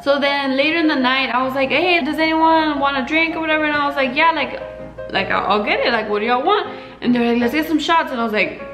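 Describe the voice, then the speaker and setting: Speaking to camera in a high-pitched voice, a young woman vlogger shares casual stories, playing out the quotes with animation and frequent fillers. The low-quality recording has an echoey room sound.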